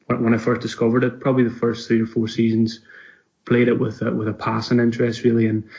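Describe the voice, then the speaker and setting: A man with a Donegal Irish accent talks casually as an interview guest. His voice moves little in pitch and sits at a middling height. The audio is slightly dull and lo-fi, like a call. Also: a little mellow. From Donegal, Ireland. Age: 30s. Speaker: podcast guest.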